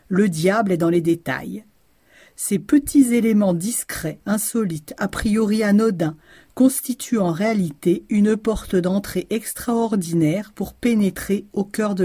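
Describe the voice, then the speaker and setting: Calm woman reading, mellow kinda husky voice, dry mic. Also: mid-range voice, no echo. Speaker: presenter. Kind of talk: scripted narration.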